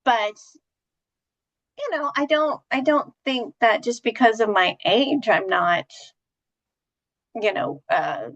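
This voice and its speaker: A woman's voice: a little high, takes it slowly, pauses often, a bit bright, lo-fi sound. A woman in her fifties co-hosting a talk show, chatty and self-deprecating, full of "you know" and "right?". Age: 50s. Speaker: podcast co-host. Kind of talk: casual chat.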